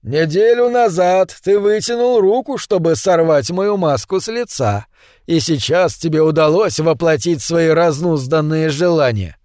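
A man voicing a calm, stern male forest gnome who speaks in a measured way. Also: fairly high pitch, no echo, studio quality, natural voice.

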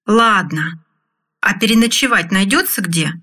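A woman voicing a commanding male convict leader who speaks in a brisk, businesslike way in an audiobook. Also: mid-range voice, expressive, pushed and bright.

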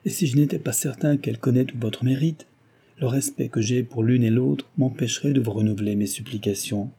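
A man's voice: mid-range voice, brisk, creaky, mellow, breathy edge. A man voicing an ardent, passionate young suitor in an audiobook, pleading with energy. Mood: impassioned. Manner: impassioned, pleading.

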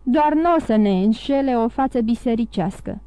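A woman's voice: a little high, expressive, dark tone, smooth, no room sound, lightly acted. Woman voicing a wary innkeeper's wife. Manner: muffled, anxious. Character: fearful, sickly innkeeper's wife.

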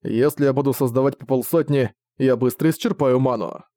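A man's voice: mid-range voice, fairly quick, mellow, no echo, studio quality, close to an everyday voice. A man voicing an irritable young male student of magic who speaks in a guarded, slightly sulky way.

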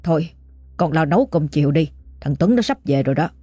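A woman's voice: on the low side, expressive, fast talker, a little mellow, husky, no room sound. A woman voicing a stern, commanding aging father, giving curt orders. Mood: calm.

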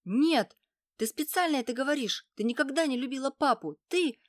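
A defiant teenage boy, raised in pitch and loud with hostility and suspicion, as the audiobook reader puts him on. The sound is dry and close-miked. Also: lively intonation, normal speed, no echo, close to an everyday voice. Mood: accusing. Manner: shouting, hostile. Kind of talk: audiobook reading.

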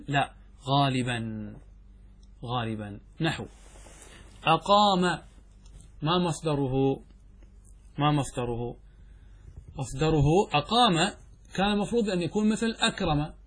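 A man teaching Arabic grammar as a sheikh in a classroom lecture, explaining step by step, asking students questions and answering them himself, and reading quoted lines slowly. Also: high-pitched, fairly bright tone, breathy edge. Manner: reads quotations from the text slowly and deliberately.

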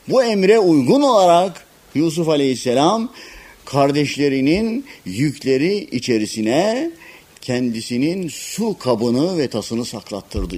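A man teaching Quran commentary in a recorded lesson. His voice sits a little high and swings widely in pitch. He chants Arabic verses quickly, then slows down to explain each phrase with strong emphasis. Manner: lively rising and falling pitch, emphatic on key words. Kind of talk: recorded tafsir lecture.

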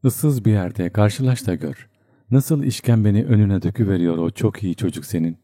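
A suspicious, sarcastic soldier who grumbles his doubts, read by a male narrator. The voice is low and subdued. The tone is dark and mellow. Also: normal speed, no room sound, studio quality, natural voice. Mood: sour.

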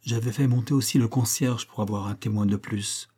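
A man's voice: lowish voice, fairly even intonation, brisk, warm tone, slightly rough. A man voicing a gleeful young society wife, gossipy and full of amusement. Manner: gossipy, breathless with amusement when retelling.

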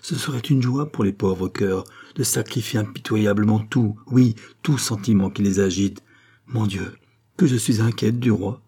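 A man reading an audiobook, voicing a proud, wounded queen who speaks with sharp irony and rising fury. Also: on the low side, moderate pace, slightly rough. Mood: furious.

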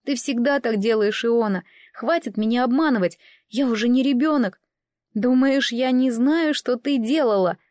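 A woman's voice: fairly high pitch, moderate pace, a little mellow, dry recording, studio quality, natural voice. A woman reading an audiobook, voicing a frightened, tearful young boy with a trembling voice. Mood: upset.

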